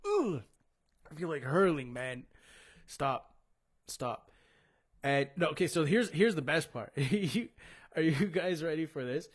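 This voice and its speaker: A man's voice: fairly high pitch, unhurried, long pauses. Crude, ranting male sports host. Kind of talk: casual live sports rant.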